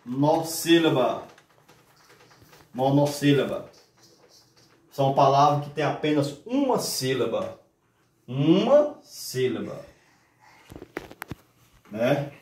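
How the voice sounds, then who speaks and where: A man teaching a grammar lesson. He speaks slowly, asks the class questions and stretches words out syllable by syllable. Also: medium pitch, animated, far from the mic. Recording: echoey room, voice from off mic.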